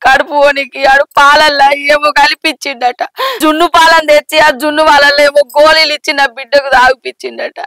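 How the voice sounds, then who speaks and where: A woman's voice: high voice, fairly even intonation, a little fast, creaky, pushed and bright, heavily acted, poor audio. A woman playing a wailing village mother with a Telangana accent. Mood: tearful cursing. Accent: Telangana Telugu. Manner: sobbing, lamenting, heaping curses. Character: grieving village mother, middle-aged woman, wailing and cursing. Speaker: actor in a village skit. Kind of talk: village drama acting.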